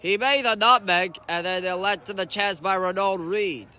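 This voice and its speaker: A man giving excitable sideline commentary on a youth soccer match, groaning and shouting as plays unfold. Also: high-pitched, normal speed, clean tone. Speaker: amateur commentator.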